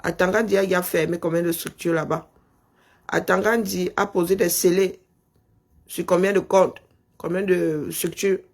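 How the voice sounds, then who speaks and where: Insistent high gravelly Cameroonian man. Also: fairly even intonation, normal speed. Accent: Cameroonian French. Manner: insistent, rhetorical questions, dictates punctuation aloud. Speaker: live stream host. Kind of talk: political live-stream commentary.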